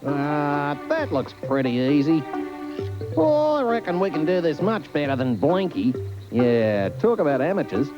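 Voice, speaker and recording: A man's voice: fairly high pitch, big pitch swings, unhurried, dull audio, music in the background. A man voicing a greedy, scheming con man in a cartoon, smug and plotting.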